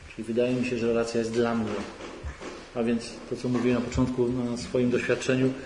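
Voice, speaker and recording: A man's voice: mid-range voice, monotone, brisk. A man giving a conversational lecture at a church retreat, often asking the audience rhetorical questions. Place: large sanctuary hall. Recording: echoey hall recording, faint noise.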